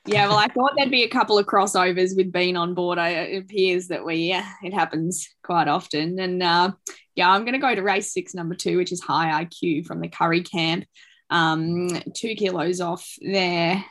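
An Australian woman runs through her picks in a fairly low voice. She sounds informal and a little hesitant, giving unscripted commentary on horse racing as a panel tipster. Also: fairly even intonation, normal speed, a bit bright. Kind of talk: casual unscripted tipping commentary.

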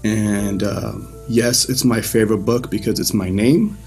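A man from Iran giving his personal faith testimony to a church group in a casual, loose way, with frequent pauses and restarts. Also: lowish voice, steady tone, darkish tone, faint music behind.

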